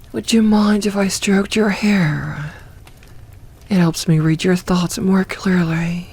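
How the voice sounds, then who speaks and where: With a deep voice and an exaggerated performance, a woman voices a teasing, possessive succubus demoness for soft ASMR roleplay. She sounds coaxing and soothing, and she turns breathy at times.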